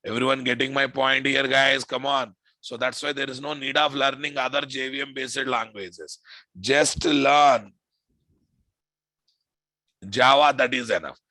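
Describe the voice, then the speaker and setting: A man's voice: mid-range voice, fairly even intonation, a little slow, sharp tone, no room sound, rough recording. A man with a Telugu Indian English accent lecturing informally as a programming instructor, emphatic, repeating phrases and often checking with the class through questions.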